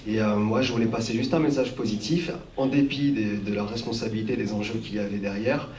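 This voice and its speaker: Low-voiced man, distant in a roomy hall. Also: steady tone, fairly quick, darkish tone, a little hiss or hum. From France. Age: 30s. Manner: reflective, many fillers and restarts. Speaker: panel guest, record collector and documentary maker. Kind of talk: live panel discussion. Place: hall with an audience.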